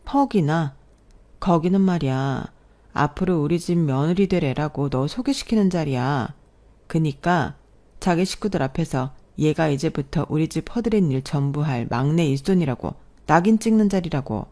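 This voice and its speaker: A woman playing a jaded older sister who has been through a divorce and speaks with blunt, knowing cynicism. Her voice is mellow and warm, pitched in an ordinary middle range, as if in an audio story. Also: animated, normal speed.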